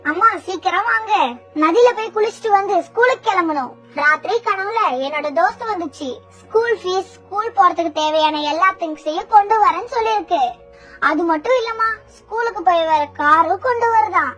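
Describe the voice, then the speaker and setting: A woman's voice: a little fast, a bit bright. A woman voicing a poor, hopeful little sparrow boy in a cartoon, with a childlike, pleading way of talking. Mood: excited. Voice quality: very high childlike voice. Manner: pleading, eager. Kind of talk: cartoon voice acting. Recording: faint background music.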